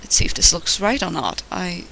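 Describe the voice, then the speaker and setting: Bright, squeaky thin-voiced drawing tutorial narrator. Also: sing-song, normal speed, vocal fry, a little hiss or hum, low-quality recording. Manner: informal, rambling, self-deprecating, mild swearing. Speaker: artist narrating drawing process. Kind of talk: casual drawing tutorial commentary.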